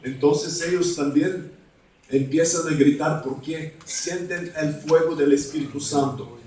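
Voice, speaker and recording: Slow-preaching evangelist man in echoey hall. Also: a little high, steady tone, darkish tone. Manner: slow, halting, asks congregation for words. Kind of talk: deliverance sermon. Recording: echoey hall, mic at a distance.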